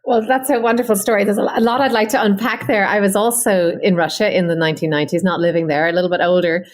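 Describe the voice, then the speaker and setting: A woman hosting an interview podcast, introducing her guest and asking questions in a measured, conversational way. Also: mid-range voice, steady tone. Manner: warm and measured, reading sponsor copy and asking questions. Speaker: podcast host.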